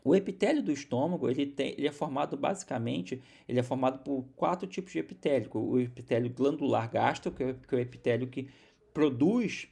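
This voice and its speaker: A man's voice: mid-range voice, fairly quick, creaky, warm tone, husky. A man from Brazil giving a recorded university biology lecture, explaining step by step with many restarts and repeated words.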